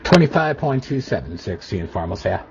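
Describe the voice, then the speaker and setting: A man flying a plane, making radio calls to air traffic control in a relaxed way and often hesitating. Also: low voice, brisk, vocal fry. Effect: pilot talking over an aircraft radio. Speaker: pilot. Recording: muffled radio with faint noise.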